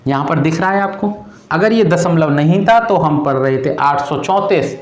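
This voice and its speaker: A man's voice: on the high side, normal speed, reverberant. A male teacher who explains a math lesson to children patiently, repeating each step and calling the students "beta".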